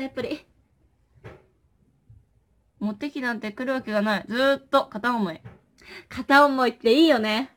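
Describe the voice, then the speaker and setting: A young woman hosting a casual livestream in a very high, bright voice. She talks playfully to her viewers and reacts to them with animated exclamations. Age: young adult. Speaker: livestream host. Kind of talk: casual chat with viewers during a makeup stream. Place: small indoor room.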